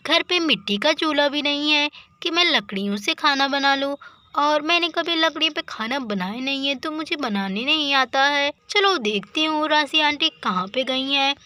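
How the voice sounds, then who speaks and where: Bright high-voiced woman telling a doll story. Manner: lively homely chatter, talking to herself. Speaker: storyteller voicing all the dolls. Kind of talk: Hindi doll story narration with character voices.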